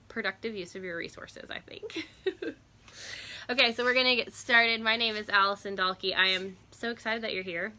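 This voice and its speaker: A woman's voice: on the high side, bright, forceful tone. A woman hosting a casual live stream outdoors on a porch, chatty, greeting viewers by name and laughing often.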